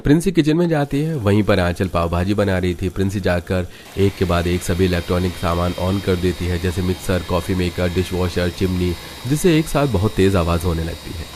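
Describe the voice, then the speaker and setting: Low-voiced male storyteller. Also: fairly quick, few pauses, a little mellow, a little hiss or hum. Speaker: narrator. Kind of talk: scripted narration.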